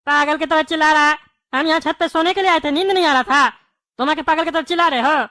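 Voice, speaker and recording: A woman's voice: sits high, quick pace, bright, forceful tone, no echo, clean studio sound. A woman, playing a quarrelsome neighbour in a scripted comedy sketch. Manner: scolding, quarrelsome. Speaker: comic character, bald neighbour.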